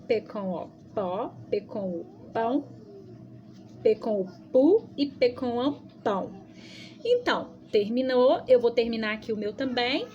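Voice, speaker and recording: High-voiced Brazilian teacher sounding syllables. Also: female voice, a little hiss or hum. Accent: Brazilian Portuguese. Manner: slow, patient, sing-song sounding out of syllables. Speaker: preschool teacher. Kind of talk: recorded video lesson for young children.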